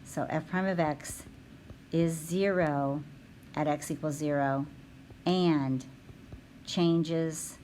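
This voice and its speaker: A woman teaching a recorded math lesson, talking her students through the steps out loud with frequent ums. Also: deep voice, steady tone, slow, long pauses, a little hiss or hum, rough recording. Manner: thinking aloud with frequent ums.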